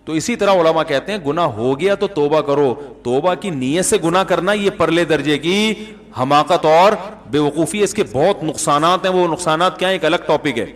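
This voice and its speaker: Brief: male preacher, fairly high voice, chatty storyteller in a reverberant hall. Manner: chatty storytelling, acts out dialogue, laughs at his own jokes. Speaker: Islamic speaker. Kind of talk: conversational religious talk with anecdotes.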